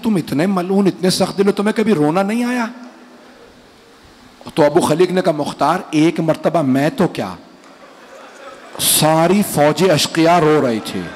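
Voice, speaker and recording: Male orator, high voice, slow mourning recitation, faint room ambience behind. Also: darkish tone. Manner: emotional, addresses audience directly, rises to cries. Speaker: majlis orator.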